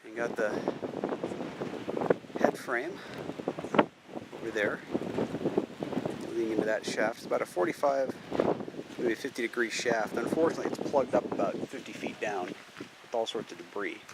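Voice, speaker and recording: A man giving casual, halting commentary as host of an outdoor exploring video, recorded outside in the wind. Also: mid-range voice. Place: outdoors at an abandoned mine in open desert. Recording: loud wind noise outdoors.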